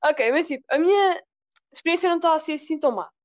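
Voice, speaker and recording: Fast-talking teenage Portuguese girl. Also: high-pitched. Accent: European Portuguese. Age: teens. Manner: animated storytelling, mimics voices in quotes. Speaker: student. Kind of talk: casual chat.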